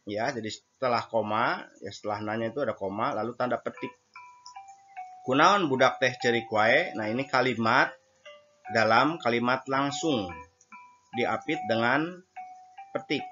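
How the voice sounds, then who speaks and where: A man's voice: mid-range voice, bright, forceful tone, lo-fi sound. A man teaching a recorded grammar lesson, explaining patiently and translating each point between two languages.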